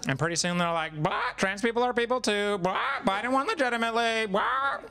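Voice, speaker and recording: Brief: stand-up comic in his thirties, slightly high voice, chatty and self-mocking. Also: fairly bright tone. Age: 30s. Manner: chatty, self-deprecating, acts out quoted voices. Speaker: stand-up comedian. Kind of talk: stand-up comedy set. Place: live comedy venue with audience.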